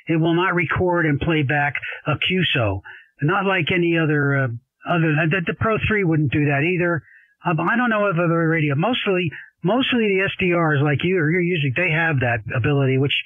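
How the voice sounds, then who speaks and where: Heard through narrow, phone-like shortwave audio, a man with a slightly high voice chats on ham radio as an amateur, rambling and folksy and full of enthusiasm. The recording is dry, picked up by a desk radio microphone.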